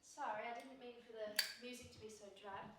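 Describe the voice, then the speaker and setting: A woman acting in a short film, speaking gently, hesitantly and apologetically. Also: on the high side, fairly even intonation, a little fast. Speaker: actress. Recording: echoey, distant mic, faint hiss.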